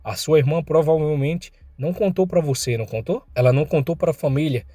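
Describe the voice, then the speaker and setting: A man's voice: a little high, fairly quick, no room sound, pitched above the performer's own voice, lightly acted. A man doing a sneering loan-shark boss. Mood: taunting. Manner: mocking, bullying, gets loud.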